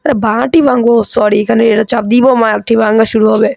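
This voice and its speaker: A hoarse man hosting a gaming channel, chatty and excitable as he comments on mobile gameplay, with English phrases mixed in. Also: high-pitched, brisk, no echo. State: hoarse, coughing.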